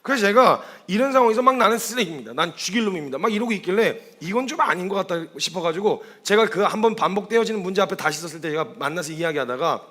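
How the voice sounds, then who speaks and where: A male missionary delivers a sermon at a quick clip in a high, bright, forceful voice. Staying animated throughout, he tells stories, poses rhetorical questions and slips into quoted speech.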